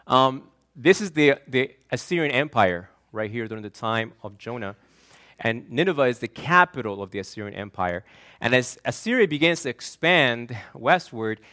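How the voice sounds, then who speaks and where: A man's voice: mid-range voice, bright, forceful tone. A man from Argentina, a pastor preaching an earnest, emphatic sermon that often repeats and restarts words.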